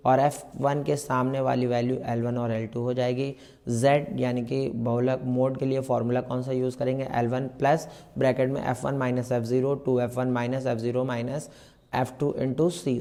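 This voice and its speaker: Teaching math one step at a time, a man speaks in a mellow, medium-pitched voice touched with vocal fry. He mixes in terminology, goes slowly, repeats each step, and asks and answers his own questions.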